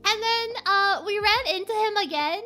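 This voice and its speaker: A streamer chatting casually on a livestream, telling a story in an excitable, rambling and giggly way over faint background music. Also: very high voice, normal speed. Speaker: VTuber streamer.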